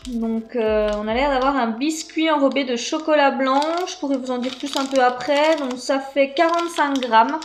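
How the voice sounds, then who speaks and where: A woman's voice: high-pitched, normal speed, hardly any pauses, a little hiss or hum. A woman in her thirties chatting casually through a snack unboxing, hesitant, with many fillers. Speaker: unboxing vlogger.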